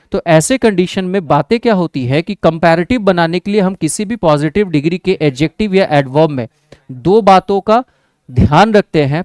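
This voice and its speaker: A man with an Indian accent teaches an exam-prep English lesson in a smooth, crisp voice pitched somewhat high. The sound is dry and close to the microphone. He keeps checking that his students follow along and reads the example sentences aloud slowly. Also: a little mellow, no echo. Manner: checks in with the class, calls students "babu" and "bhai".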